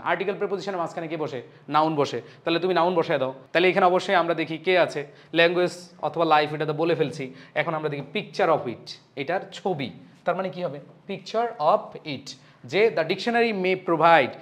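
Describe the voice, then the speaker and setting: উঁচু গলার একজন তরুণ বাংলাদেশি শিক্ষক. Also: male voice, fairly high pitch, a bit bright. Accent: Bangladeshi. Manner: asks students questions and answers them himself, emphatic. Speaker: English teacher. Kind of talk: online exam-prep lesson.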